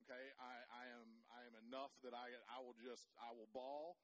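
A middle-aged man preaching to his church, stumbling over his words and starting his sentences again and again. His voice sits at an ordinary pitch, neither low nor high. He sounds emotional and loose, and he jokes with the congregation as he goes. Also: level tone. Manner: halting, self-interrupting, emotional and playful. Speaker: pastor. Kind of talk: sermon. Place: church sanctuary.

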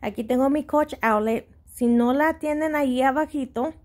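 A woman's voice: sits high, moderate pace, darkish tone. A woman in her Spanish, hosting a casual step-by-step tutorial, a little hesitant and mixing in English words. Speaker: host of a shopping tutorial channel.

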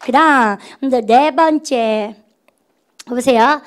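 A woman teaching a grammar lecture in a notably high voice. She drills her class with call-and-response prompts. Her delivery is chatty and playful, and she refers to herself as the teacher. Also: slow pace.

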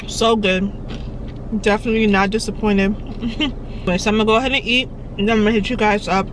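A woman's voice: mid-range voice, steady tone, fairly quick, noisy background. Chatty woman vlogging her day. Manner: chatty and informal, talking straight to viewers. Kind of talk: casual day-in-the-life vlog chat.

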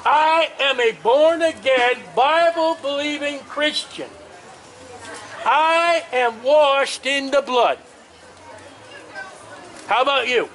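Through a portable speaker, a man preaches in the open air at a crowded street festival, his voice very high and his phrases long, emphatic, and hammering. This street preacher is captured from a distance, with ambient noise and a faint crowd audible behind him.

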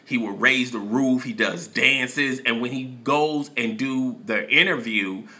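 A man's voice: medium pitch, slow, pushed and bright. A man giving opinionated, lecturing commentary in a casual voice-over.

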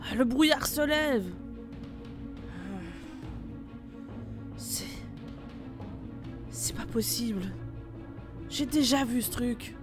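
A woman's voice: fairly high pitch, slow, music in the background. A woman playing a tough squad leader. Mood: stunned. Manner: commanding, curt orders. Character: tough female squad leader on a monster hunt. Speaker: team leader. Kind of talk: amateur horror audio drama.

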